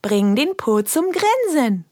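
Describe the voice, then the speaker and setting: A woman voicing a lively little girl who cheerfully explains things to her friends. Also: on the high side, slow, no room sound, studio quality, voice pushed up. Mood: explaining.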